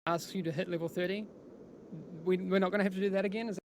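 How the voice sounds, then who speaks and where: A chatty male stream host with some vocal fry. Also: high-pitched, steady tone, fast, slight background noise. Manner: chatty and rambling, with frequent restarts. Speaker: livestream host interviewing developers. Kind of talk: live-streamed studio interview.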